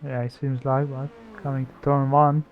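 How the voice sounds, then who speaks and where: A man's voice: mid-range voice, flat delivery, moderate pace. A man giving casual live motor race commentary as a co-commentator, in short remarks. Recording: dull, lo-fi audio with faint noise.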